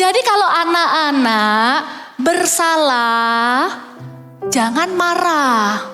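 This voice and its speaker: Woman pastor, playful high-voiced sermon, acts out parents and kids, echoey church hall, soft music behind. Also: animated, very slow. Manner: playful, acts out quotes of parents and kids, mixes English phrases. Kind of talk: animated sermon to parents and children. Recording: reverberant hall, faint music.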